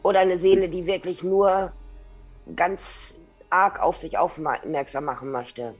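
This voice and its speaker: A man in a casual discussion, thoughtful and measured as he weighs ideas, with a somewhat high, husky voice. Faint music sits under him. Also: fairly even intonation, dull audio. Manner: reflective, weighs possibilities.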